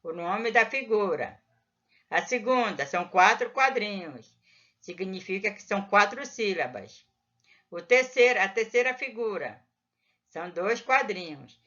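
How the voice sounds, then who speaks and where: Slow, patient woman teacher, lo-fi sound. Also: medium pitch, fairly bright tone. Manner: slow, patient, drawn-out syllables. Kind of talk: explaining a textbook lesson to children.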